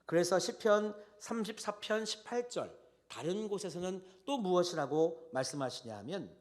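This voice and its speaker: A man preaching a Sunday sermon as pastor, swinging between loud and soft and often addressing the congregation directly. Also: high-pitched, animated, normal speed. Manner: tells stories with addresses to the congregation.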